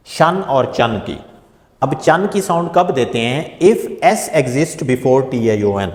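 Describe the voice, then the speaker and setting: A man's voice: mid-range voice, a little mellow. Male English teacher in an echoey room. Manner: slow, deliberate spelling-out of letters and rules. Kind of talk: spoken English grammar lesson. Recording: echoey room with long reverb.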